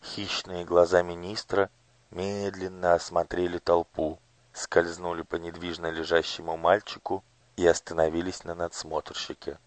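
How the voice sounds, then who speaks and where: A man reads a fairy tale aloud in a measured, expressive way. His voice sits on the low side, recorded close and dry with no room sound. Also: no echo. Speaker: narrator. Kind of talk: storybook reading.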